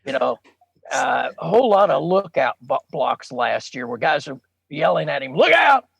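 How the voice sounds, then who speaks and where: Gravelly husky man on a dull mic. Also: fairly high pitch, lively intonation, moderate pace, no echo. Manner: blunt, plainspoken. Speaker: podcast co-host. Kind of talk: casual sports chat.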